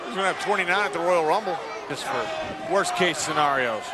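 A man doing opinionated wrestling color commentary, argumentative and quick to interject loudly. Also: on the high side, expressive. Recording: live arena broadcast, loud crowd noise.

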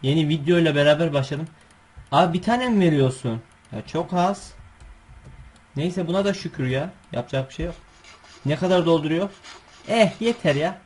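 A man hosting his gaming channel, giving chatty, excitable gameplay commentary full of coaxing calls and slangy asides. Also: a little high, moderate pace, pauses often, slightly rough.

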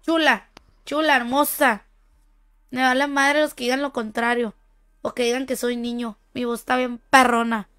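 High-voiced Mexican woman streamer. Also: little pitch movement, moderate pace, a bit bright, clear, resonant tone. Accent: Mexican Spanish. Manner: playful, teasing, boastful banter. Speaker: game streamer. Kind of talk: casual gaming stream chat.

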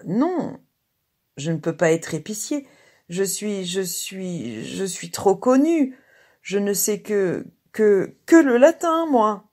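A woman's voice: on the low side, moderate pace, darkish tone, breathy edge. Woman voicing a stammering old male Latin tutor. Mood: flustered. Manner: stammering, hesitant. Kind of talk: dramatized story reading.

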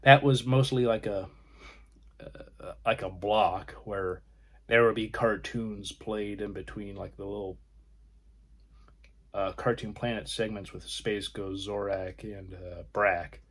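A man hosting his own film channel, casually showing his disc collection in halting, rambling talk with frequent pauses. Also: lowish voice, fairly even intonation, husky. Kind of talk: casual video collection review.

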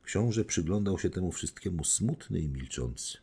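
A man narrating an audiobook in a measured, dramatic reading style. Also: sits low, lively intonation, creaky, dark tone, breathy edge. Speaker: audiobook reader.

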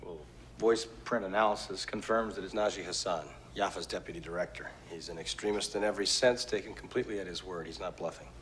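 Earnest American analyst, low-voiced. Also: male voice, a bit bright, slight background noise. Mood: earnest, firm. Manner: grave, deliberate, deferential but firm. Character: earnest, articulate male intelligence analyst briefing superiors. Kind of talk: film drama acting. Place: conference room.

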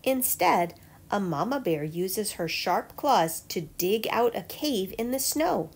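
Reading a picture book to kids the way a teacher would, this woman speaks slowly, her medium-pitched voice rising and falling in a lively way. She tells the story clearly and emphatically, stressing each question and its answer.

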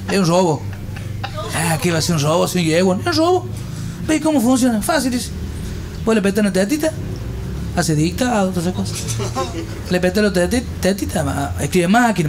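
High-voiced Cordoban man telling jokes. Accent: Cordoban Argentine Spanish. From Córdoba, Argentina. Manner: rapid-fire jokes with voiced characters and laughing. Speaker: stand-up comedian. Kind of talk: joke-telling stand-up.

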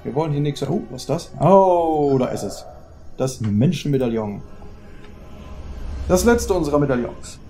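A man's voice: medium pitch, animated, normal speed, pauses often, mellow, faint music behind. A man narrating a horror game as let's play host, chatty and dropping English exclamations into his German.

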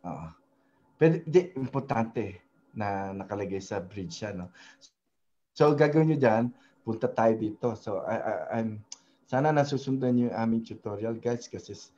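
A man's voice: on the low side, expressive, measured pace, mellow, highs cut off. A man hosting a casual web design tutorial, talking hesitantly with many fillers and tag questions. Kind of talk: casual screen-share tutorial in mixed Tagalog and English.

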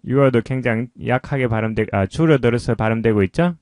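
A man teaching English pronunciation, explaining slowly and patiently in a lesson voice-over. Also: mid-range voice, a little mellow, dry recording, clean studio sound.

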